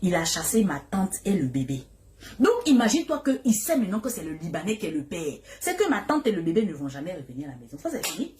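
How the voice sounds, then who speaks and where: A woman's voice: fairly low pitch, fast talker. A young woman, casually telling a family story to her viewers with dramatic exclamations. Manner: animated, dramatic retelling with exclamations.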